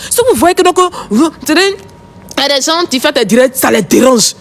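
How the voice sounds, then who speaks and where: Fast-talking Ivorian woman ranting live. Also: sits high, animated. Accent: Ivorian French. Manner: combative, repetitive, scolding viewers. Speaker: live-stream host. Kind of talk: live-stream rant. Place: home, early morning.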